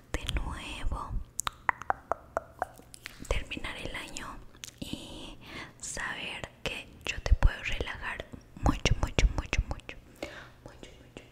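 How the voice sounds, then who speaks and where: A woman whispering ASMR talk straight to the listener, soft and affectionate, repeating words slowly. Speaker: ASMR creator. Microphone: close sensitive microphone.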